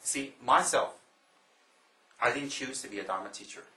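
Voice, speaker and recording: A man from Taiwan, a Buddhist monk, giving a slow, emphatic Dharma talk to an audience, repeating phrases and adding joking asides. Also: mid-range voice, sharp tone, reverberant, poor audio.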